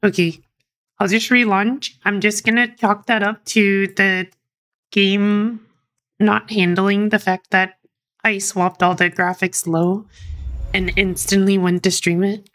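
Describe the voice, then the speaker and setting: A woman's voice: mid-range voice, flat delivery, slow pace, a bit bright. A woman chatting casually with friends while playing a game, getting exasperated when it crashes. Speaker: gamer playing on stream. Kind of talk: casual gaming chat.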